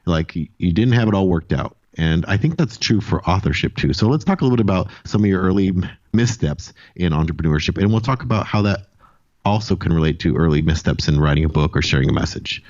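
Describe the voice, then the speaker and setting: A man's voice: low-pitched, expressive, fast, a little mellow, dry recording, lo-fi sound. A man hosting an interview, reflecting on and affirming what his guest says before he asks the next question. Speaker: podcast host. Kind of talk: conversational interview.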